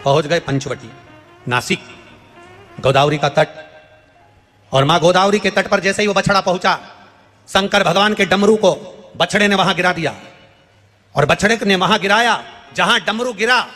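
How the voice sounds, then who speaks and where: A preacher with a high, bright, forceful voice tells a devotional sermon story to an audience at a normal speed, pausing often. He repeats phrases for emphasis and calls out questions to the crowd, while a long hall reverb and faint music surround him.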